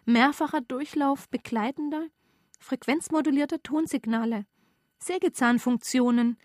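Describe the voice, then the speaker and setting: Calm dreamy girlfriend read by a woman, matter-of-fact, slightly high voice, dry sound. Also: normal speed, no echo, close to an everyday voice.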